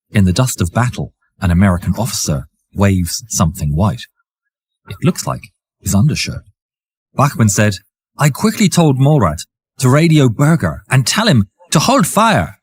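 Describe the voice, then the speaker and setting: This is theatrical, suspenseful narration of scripted war history, read by a man whose voice is husky, raspy, and on the low side.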